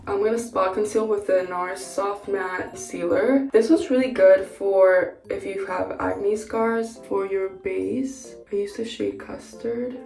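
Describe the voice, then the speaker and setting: Young woman with a gravelly, roomy voice. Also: medium pitch, steady tone, takes it slowly, hardly any pauses, a little mellow. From Peru. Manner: chatty and candid, frequent "like" fillers. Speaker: beauty vlogger. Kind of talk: casual chat during a makeup tutorial. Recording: roomy, distant mic with background music.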